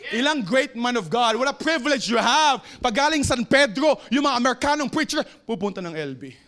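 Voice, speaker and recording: A male pastor with a Filipino accent, preaching to his congregation. His voice sits very high and sounds bright and forceful. He rises to shouted exhortation, then drops low and quiet to tell a story. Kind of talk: sermon. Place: church sanctuary.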